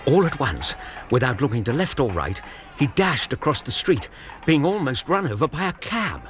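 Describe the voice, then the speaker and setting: An actor in a radio drama playing a steady English gentleman doctor and storyteller, measured and courteous. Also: medium pitch. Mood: descriptive storytelling. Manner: measured, courteous, matter-of-fact. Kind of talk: radio drama narration and acting. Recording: radio drama with clear background noise.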